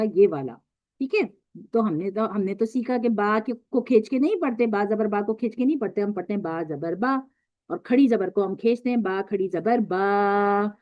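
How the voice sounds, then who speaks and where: A woman teaching Quran recitation in an online lesson, patient and repetitive, stretching letter sounds slowly to show them. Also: medium pitch, mellow, dry recording, lo-fi sound.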